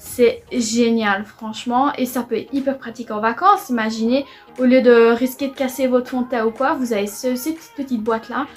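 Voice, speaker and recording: A young woman's slightly high, fairly even voice moves at normal speed over soft background music as she vlogs a makeup try-on at home by a window. Chatty and enthusiastic, she fills her talk with fillers and repeats "franchement" often.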